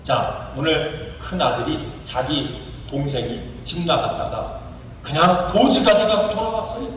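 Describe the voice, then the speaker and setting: A man's voice: fairly high pitch, measured pace, slight background noise. A man, a pastor, preaching a sermon and acting out the story's characters in their own voices. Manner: lively, rising and falling emphasis. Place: church sanctuary. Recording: echoey church hall from a distance.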